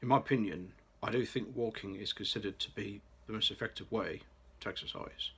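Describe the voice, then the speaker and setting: Reading from a script for his personal vlog, this Birmingham man in his late 20s talks fairly quickly. His voice is low yet bright, with a breathy edge, and his careful delivery includes occasional restarts.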